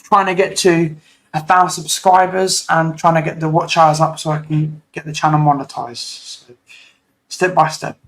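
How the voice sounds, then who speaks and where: A man's voice: fairly high pitch, level tone, normal speed, fairly bright tone, poor audio. A man guest on a football livestream, speaking in a hesitant, easygoing way with many fillers. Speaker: guest streamer. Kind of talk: casual livestream chat.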